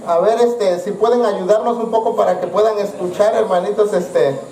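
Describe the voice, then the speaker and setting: A man teaching music to a church congregation, halting and filler-heavy, calling his listeners brothers and sisters. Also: sits high, steady tone, warm tone. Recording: roomy sound from a distance, with music.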